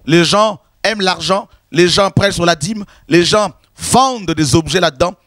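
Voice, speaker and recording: A man's voice: high-pitched, moderate pace, a bit bright, no echo, clean studio sound. A man preaching a sermon, emphatic and repetitive, often calling his listeners "my friends". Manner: emphatic, repetitive, addresses listeners as "mes amis".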